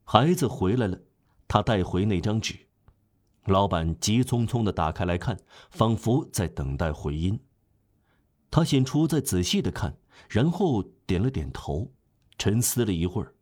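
A man with a fairly low voice reads a classic novel aloud as an audiobook, keeping a steady, measured storytelling pace.

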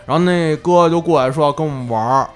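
A man with a Beijing accent chatting casually as a podcast co-host, telling childhood stories in an animated way and swearing freely. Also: on the high side, fast, faint music behind.

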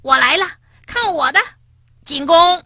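A woman voicing a playful, stubborn young male rabbit in a children's storybook, with excited, shrill calling. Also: normal speed, breathy edge, no echo, studio quality, full character voice.

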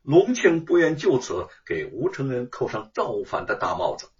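A man's voice: mid-range voice, big pitch swings, normal speed. A man telling a traditional story with a dramatic, sing-song delivery, on a dull, distant lo-fi recording.

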